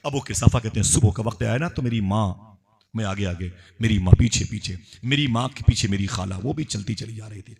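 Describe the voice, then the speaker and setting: A man's voice: on the low side, a little fast, creaky, a little mellow. A male preacher telling a story in an impassioned sermon, chanting verses in a rhythm and urging the crowd to respond.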